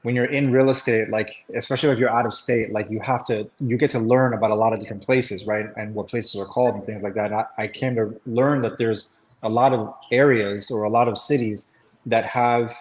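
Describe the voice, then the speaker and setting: A man's voice: on the low side, fairly even intonation, fairly quick, poor audio. A man talking in a loose, rambling way on a casual call, with many fillers and restarts. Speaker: webinar host. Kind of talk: casual chat.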